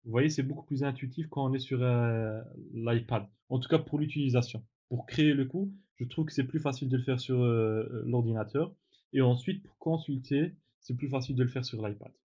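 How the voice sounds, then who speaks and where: A man talks through a software demonstration like a teacher guiding his class. His voice is mellow and dark, and he often pauses for fillers and corrects himself. The recording sounds a little dull and lo-fi. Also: mid-range voice, slightly rough. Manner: relaxed, with frequent fillers and self-corrections. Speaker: teacher giving a tutorial. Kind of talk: screen-recorded tutorial.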